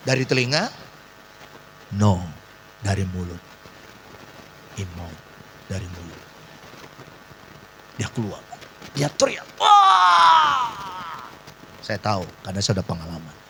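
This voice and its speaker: Male pastor, sermon, very lively pitch, quiet asides to shouted climaxes, english phrases mixed in, faint noise behind. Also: a little slow, long pauses. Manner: mixes in English phrases and asks the congregation for agreement. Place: church service.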